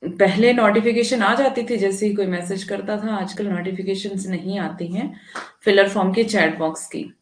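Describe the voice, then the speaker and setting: A woman's voice: medium pitch, fairly even intonation, moderate pace. Indignant woman teacher, echoey room. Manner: indignant, rising emphasis with frequent tag questions. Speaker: online Hindi exam teacher. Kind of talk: live online class, addressing students.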